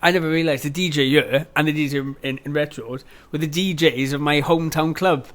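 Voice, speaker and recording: Male, South Wales Valleys accent, slightly high-pitched, informal conversational delivery. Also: fairly even intonation, brisk, fairly bright tone. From Merthyr Tydfil, Wales. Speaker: gigging musician. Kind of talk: casual chat.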